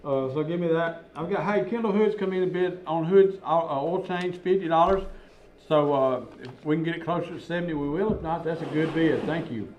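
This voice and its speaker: A man's voice: fairly high pitch, darkish tone, slight background noise. Folksy man calling radio auction bids. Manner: folksy, chuckling, reads bids off quickly. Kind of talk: live radio auction chat.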